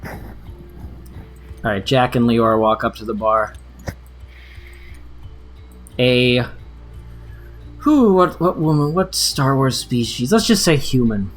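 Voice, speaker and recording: A man's voice: medium pitch, slow pace, pauses often. Casual male game master over faint music. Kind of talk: improvised tabletop game narration, casual.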